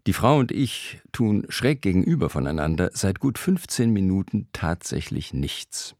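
Male reader, low and gravelly, ironic comic storytelling, dead-dry sound. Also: a little mellow, no echo. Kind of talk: reading a humorous first-person story.

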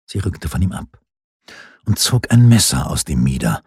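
Husky deep-voiced male narrator. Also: very animated, moderate pace, a little mellow, no room sound, studio quality. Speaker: audiobook narrator. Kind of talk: scripted narration.

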